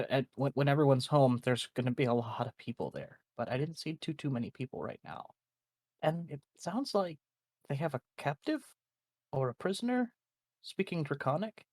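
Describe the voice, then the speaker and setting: A man's voice: mid-range voice, no echo. Close, dry-miked male tabletop player. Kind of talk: casual in-game chat.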